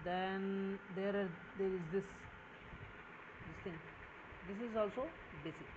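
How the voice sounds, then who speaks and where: Informal tutor, mid-pitched voice, dull lo-fi recording with steady background hiss, explains step by step and keeps checking in. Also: very slow. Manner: explains step by step, often checks with "ঠিক আছে?"; mixes English terms into casual explanation. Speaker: chemistry tutor. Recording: dull lo-fi audio with clear background noise.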